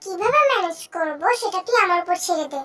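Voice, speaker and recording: A woman's voice: very high-pitched, animated, quick pace, pushed and bright, exaggerated voice. A woman playing a bossy, self-assured girlfriend type. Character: bossy, confident young woman friend.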